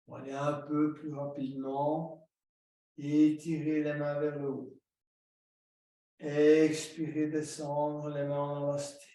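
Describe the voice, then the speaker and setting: A man leading a yoga class, giving slow, calm breathing and posture cues step by step. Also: fairly high pitch. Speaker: yoga teacher. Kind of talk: guided yoga instruction. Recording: very echoey room, distant mic.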